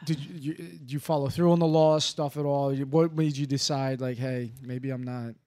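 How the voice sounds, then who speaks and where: Male podcast host, slightly high, rambling, loose and friendly. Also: little pitch movement, fairly quick, warm tone. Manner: rambling, full of fillers and restarts, friendly. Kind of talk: casual chat.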